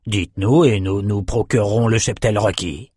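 A man voicing a ruthless, arrogant male slaver captain who speaks slowly with contempt in a storybook. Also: lowish voice, fairly even intonation, darkish tone, breathy edge, no room sound, studio quality. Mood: contemptuous.

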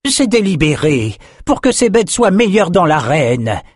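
A man's voice: high voice, sing-song, a little slow, no room sound, clean studio sound, pitched above the performer's own voice, full character voice. A man doing a smug, proud flesh sorcerer. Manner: smug, boastful.

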